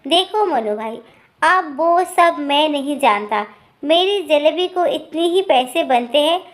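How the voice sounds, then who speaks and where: A pushy, haggling male sweets seller, as a woman storyteller plays him, voiced high and slow. He insists stubbornly on being paid. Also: animated. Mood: insistent.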